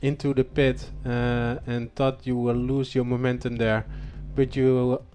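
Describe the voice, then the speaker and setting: A man hosting a live racing league stream, talking with many fillers and stumbles, sometimes shouting drivers' names. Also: mid-range voice, level tone, a little slow. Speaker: race league host. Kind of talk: live post-race chat.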